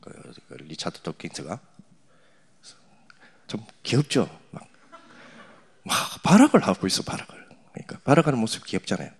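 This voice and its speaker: A middle-aged pastor preaching a sermon, his voice husky and his pitch leaping up and down. He teases and chats with the crowd, dropping to near-whispered asides between louder lines. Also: huge pitch swings, normal speed, long pauses. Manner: teasing, conversational, swings from loud to hushed asides. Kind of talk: sermon to young adults.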